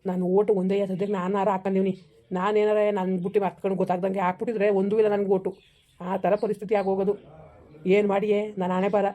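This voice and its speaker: A woman's voice: mid-range voice, little pitch movement, warm tone, close to an everyday voice. Woman playing a scolding rustic village man. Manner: scolding, fast rustic banter. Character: older village man, scolding, boastful failed candidate. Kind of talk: village comedy skit.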